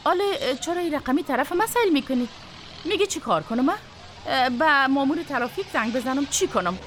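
A woman's voice: high voice, lively intonation, fairly bright tone, slight background noise. An actress in her forties with an Afghan Dari accent, playing a busy doctor and mother in a radio drama. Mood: flustered. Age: 40s. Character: busy woman doctor near fifty, caring, flustered. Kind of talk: radio drama acting and narration.

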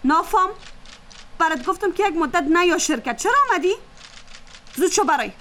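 An actress with an Afghan Dari accent playing an arrogant young woman, the boss's daughter, who insults and shouts. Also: very high-pitched, animated, slight background noise. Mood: hostile.

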